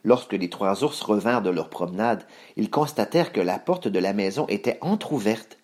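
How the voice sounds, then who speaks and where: A man reading a children's story aloud in a measured, expressive way. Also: fairly low pitch.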